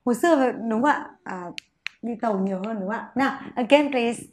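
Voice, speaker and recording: A woman English teacher giving a vocabulary lesson, saying each word slowly for her students to repeat. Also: a little high, a little mellow, echoey room, slight background noise.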